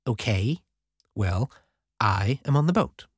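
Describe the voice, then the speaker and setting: A narrator voicing a young woman, a curious orphan rock star, in a skeptical, questioning way with lively intonation. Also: mid-range voice, slow pace, slightly rough, dry recording, studio quality.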